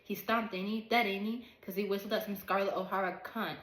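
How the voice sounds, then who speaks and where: A woman's voice: medium pitch, steady tone, fairly quick, fairly bright tone, natural voice. A woman reading aloud as an angry young man in a barbershop, blunt and coarse, in her own voice with little change. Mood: heated. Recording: roomy echo.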